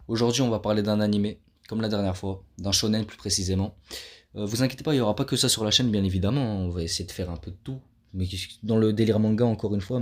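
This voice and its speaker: A man's voice: on the low side, darkish tone. A man chatting casually about an anime on his channel, with slangy, laid-back delivery and joking asides. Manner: self-mocking, joking asides. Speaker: anime YouTuber. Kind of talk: casual anime review vlog. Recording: clear background music under voice.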